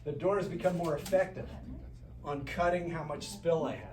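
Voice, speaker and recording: A man's voice: on the high side, normal speed. Chatty man teaching lighting, echoey room. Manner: chatty, loose storyteller with restarts and asides. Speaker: film lighting instructor. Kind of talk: hands-on workshop demonstration. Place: studio classroom with a group. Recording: echoey room, distant, noisy ambience.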